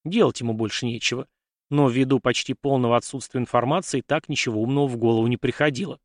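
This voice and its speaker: Steady male audiobook narrator, dry sound. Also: medium pitch, fast, no room sound.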